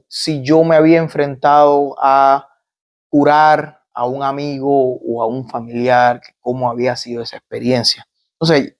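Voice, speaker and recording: A man's voice: mid-range voice, darkish tone. A man with a Cuban Spanish accent, a migrant doctor being interviewed, who explains step by step with examples and often restarts his phrases. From Cuba.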